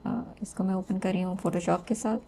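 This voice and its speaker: A woman calmly explaining a screen-recorded design tutorial step by step, with small hesitations. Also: fairly low pitch, moderate pace, slight background noise. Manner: calm step-by-step explaining with fillers. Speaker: textile design instructor.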